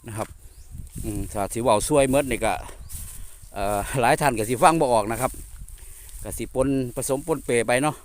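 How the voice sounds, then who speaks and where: A man's voice: medium pitch, moderate pace, long pauses, slight background noise. A man with a northeastern Thai Isan accent, hosting a casual outdoor vlog in rural fields and chatting to his viewers. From northeastern Thailand. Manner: chatty, addresses viewers often, peppers talk with tag particles. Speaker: vlogger host.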